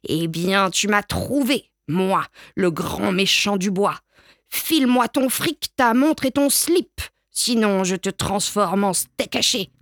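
A woman's voice: mid-range voice, takes it slowly, fairly bright tone, no room sound. A woman voicing a big, loutish male goat bully who sneers and threatens, read close and dry. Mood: sneering. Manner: sneering and rough. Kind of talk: storybook reading.

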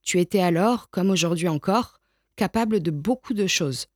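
A calm, wise old tomcat who watches over the dead speaks in a soft, patient, reassuring way, put on by a woman reading the storybook. His voice sits fairly low and the sound is close and dry. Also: moderate pace, no echo, lightly acted. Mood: gentle. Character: wise old male graveyard cat, gentle and calm.

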